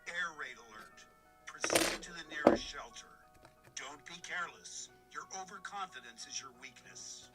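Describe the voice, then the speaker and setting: A man's voice: fairly high pitch, expressive, moderate pace. A man's recorded air raid alert, played from a device speaker, giving stern, commanding warnings. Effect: air raid alert announcement played from a device speaker. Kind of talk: recorded public warning announcement. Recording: distant device speaker with loud music.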